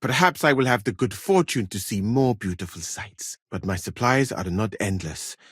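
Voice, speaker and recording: An actor playing a learned, proud Malian court physician in a medieval video game, speaking in a formal, courteous, dignified way. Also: male voice, on the low side, animated, moderate pace, breathy edge, dry recording, clean studio sound. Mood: earnest, thoughtful. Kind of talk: video game character dialogue.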